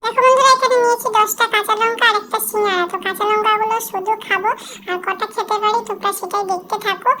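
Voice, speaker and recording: A woman's voice: very high-pitched, fairly even intonation, fast talker, pauses often, loud music behind the voice. A woman presenting a casual food challenge vlog, speaking directly to her viewers. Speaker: vlogger. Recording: loud windy background noise.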